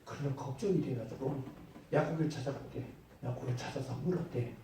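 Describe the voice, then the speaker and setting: Korean pastor preaching in an echoing church. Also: male voice, medium pitch, a little fast, slight background noise. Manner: storytelling, swings between soft asides and loud emphatic bursts. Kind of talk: sermon. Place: church sanctuary. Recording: very echoey church hall, mic at a distance.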